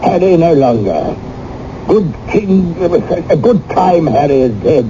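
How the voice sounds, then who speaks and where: A man's voice: a little high, lively intonation, slow pace, warm tone, dull audio. Blustering King Henry the Eighth, noisy recording. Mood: wistful, pleading. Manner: blustering, stammering, impatient. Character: lonely, imperious, aging King Henry the Eighth. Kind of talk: old-time radio drama acting. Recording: noisy, band-limited old radio broadcast.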